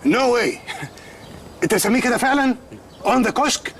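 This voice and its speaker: A man's voice: very high-pitched, animated, a little fast, slight background noise. An actor playing a boastful, sarcastic young man in a comedy film, with an Egyptian accent, mocking his friend and dropping English words. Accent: Egyptian Arabic.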